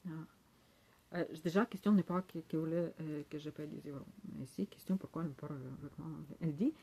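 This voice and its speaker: Woman vlogger, non-native French speaker, husky low voice, halting casual storytelling. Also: warm tone. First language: not French. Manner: halting non-native French with many fillers, gets heated.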